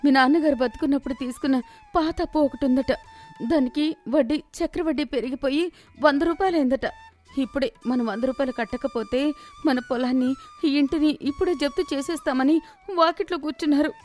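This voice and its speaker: Woman doing a clever village wife in a cartoon story, high and sharp, scolding and pleading. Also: normal speed, soft background music, natural voice. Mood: wailing. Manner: scolding, then loud theatrical wailing. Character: shrewd village housewife, sharp-tongued. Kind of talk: animated story voice acting.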